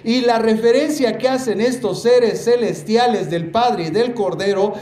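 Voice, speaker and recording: A man preaching a sermon as pastor, emphatic, often calling out to his brothers and slowing down to stress key words. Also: high-pitched, mellow. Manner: preaching, repeatedly addressing the congregation as brothers. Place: church. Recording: echoey church room with faint noise.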